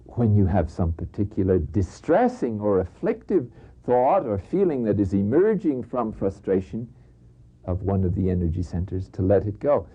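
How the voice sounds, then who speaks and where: A man, a priest, giving a reflective, conversational spiritual talk with stories and soft laughs. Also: on the low side, very animated, moderate pace, husky. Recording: slightly dull lo-fi recording.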